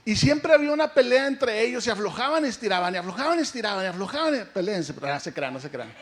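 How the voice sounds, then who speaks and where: A male pastor preaching a lively sermon, asking the congregation questions and acting out the story. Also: sits high, fast.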